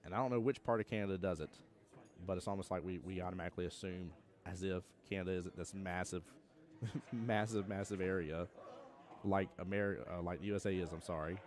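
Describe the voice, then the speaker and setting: Speaking fairly quickly in a low, slightly mellow voice with fairly even intonation, a young Southern man from Georgia, USA, commentates a pool tournament on a live stream. His chat with viewers is jokey and easygoing.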